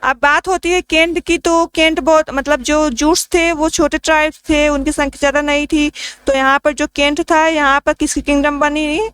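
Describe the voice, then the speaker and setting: A woman's voice: sits high, steady tone, moderate pace, fairly bright tone, no echo. A woman teaching an exam-prep literature lesson, asking questions and answering them herself, repeating key points and reading English lines into her explanation.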